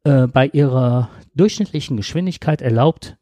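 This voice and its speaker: A man's voice: mid-range voice, normal speed, warm tone, dry recording, lightly acted. A man voicing an overly polite, chatty self-driving car that talks in an eager, formal and apologetic way. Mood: chirpy, apologetic.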